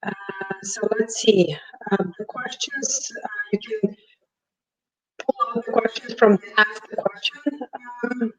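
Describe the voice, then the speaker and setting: A woman moderating a conference Q&A, politely and with halting fillers, heard over a video call connection that keeps breaking up. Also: a little high, slightly rough, rough recording. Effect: breaking-up video call audio. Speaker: livestream moderator.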